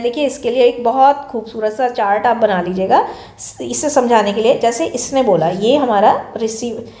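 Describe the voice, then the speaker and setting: A woman with an Indian accent giving a classroom lecture, explaining in Hindi mixed with slow, deliberate English phrases. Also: on the high side, a little mellow. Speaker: teacher. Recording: echoey room.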